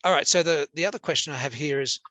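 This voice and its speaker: An Australian man leads an interactive lesson with a cheerful, joking energy, encouraging students with points. His voice sits a little high and rings bright. The sound is dry and close, with no room around it. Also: quick pace, no room sound. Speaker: teacher. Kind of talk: interactive classroom teaching.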